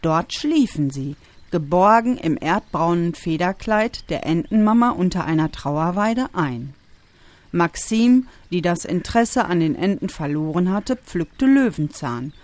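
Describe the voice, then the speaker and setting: A woman reading a children's story aloud with expressive storytelling. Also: on the low side, measured pace, no echo. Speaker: narrator.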